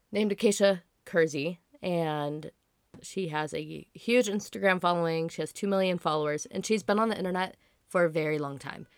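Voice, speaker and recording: A woman in her twenties hosting a podcast in a casual solo chat, hoarse from being sick, rambling and chatty with lots of "like" fillers. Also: lowish voice, no echo, clean studio sound. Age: 20s. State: hoarse from illness. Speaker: podcast host.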